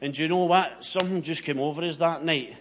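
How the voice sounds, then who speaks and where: A middle-aged man speaks in a broad west of Scotland accent with a voice pitched a little high. He is giving a personal testimony to listeners in an earnest, unpolished way. He often repeats phrases to drive them home. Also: quick pace, a bit bright, a little hiss or hum. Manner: earnest, plain-spoken, repeats phrases for emphasis.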